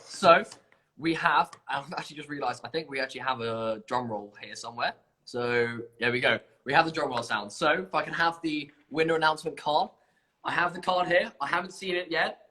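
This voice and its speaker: With a fairly high, bright voice and a forceful tone, this man presents an informal competition livestream, chatting away and bumbling along with self-deprecating humor. Slight background noise is audible.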